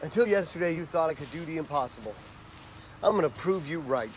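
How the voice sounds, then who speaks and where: An actor playing a hapless but determined middle-aged dad in a family sitcom, hesitant and self-justifying. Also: male voice, fairly high pitch, lively intonation, a little fast, slight background noise, close to an everyday voice. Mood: weary, sincere. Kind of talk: sitcom acting.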